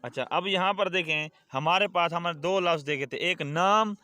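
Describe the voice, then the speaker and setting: A patient male teacher walks young children through a recorded lesson. He speaks in a fairly high voice, repeating key words and asking little quiz questions. He then waits for the answers. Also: moderate pace, sharp tone, no room sound.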